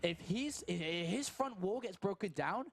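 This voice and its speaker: A man casting a live strategy game match, thinking aloud in quick questions and answers. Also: high voice, animated, gravelly, slight background noise. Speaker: esports caster.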